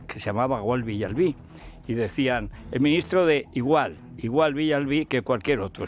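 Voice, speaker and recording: A man's voice: mid-range voice, lo-fi sound. A man hosting a radio show, delivering a scornful, combative political commentary with a sarcastic edge. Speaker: radio host. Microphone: radio studio mic.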